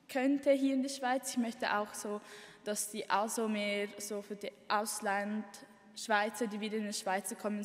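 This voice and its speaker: Hesitant teenage girl from Italy. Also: medium pitch. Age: teens. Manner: hesitant, apologetic, many fillers. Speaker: youth camp participant. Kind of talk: unscripted speech on stage. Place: conference hall. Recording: hall reverb.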